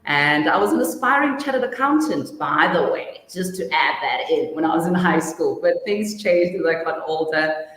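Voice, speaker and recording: A woman's voice: low-pitched, animated, normal speed, a bit bright. A woman in her thirties from Zimbabwe, a marketing director talking casually as an interview guest, chatty with frequent fillers. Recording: echoey room with long reverb.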